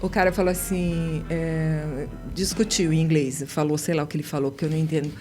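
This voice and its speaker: A woman from Brazil, a radio interview guest who tells lively anecdotes, laughs often and acts out the people in her story. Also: low-pitched, fairly quick, faint music behind. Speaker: interview guest, writer and singer.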